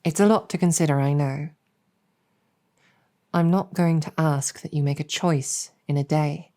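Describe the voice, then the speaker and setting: In improvised ASMR roleplay storytelling, a woman plays a gentle, earnest, world-weary demon general, speaking softly and reassuringly with measured hesitation. Her voice is deep and her tone steady.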